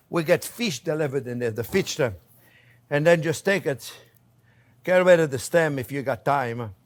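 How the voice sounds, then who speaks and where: Exuberant higher-pitched man. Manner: exuberant, playful, repeats catchphrases, addresses audience as friends. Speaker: chef hosting a cooking channel. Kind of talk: casual cooking demonstration, talking to viewers.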